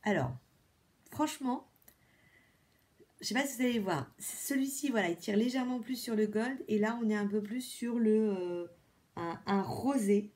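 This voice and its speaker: A woman talks casually to her viewers, reviewing makeup as she goes. She repeats words often and fills her pauses with fillers. Her voice sits at an ordinary middle pitch. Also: a little mellow. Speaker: beauty vlogger. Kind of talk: casual product review chat.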